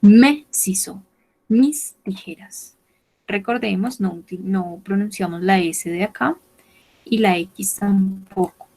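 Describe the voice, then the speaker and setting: Slow, patient woman teaching French. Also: mid-range voice, darkish tone, low-quality recording. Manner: slow, careful, repeats each word several times. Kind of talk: online language lesson, slow and repetitive.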